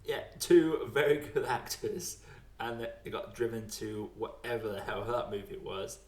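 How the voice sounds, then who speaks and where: In a reverberant recording, a man in his twenties hosts a film podcast with casual chat, speaking at a measured pace in a steady, mid-range voice. He's informal, chuckles a lot as he talks, and swears now and then.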